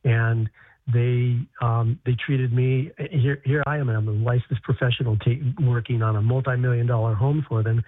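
An American man, an author guest, speaking in a halting way with many restarts and repeated words. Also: medium pitch, fairly even intonation, no echo. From United States. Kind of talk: interview conversation. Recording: tinny phone line.

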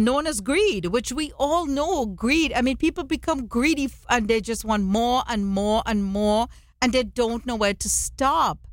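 A woman's voice: mid-range voice, no room sound, studio quality. A woman from Trinidad and Tobago hosting an interview, chatty and reflective as she talks. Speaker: interview host. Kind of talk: interview conversation.

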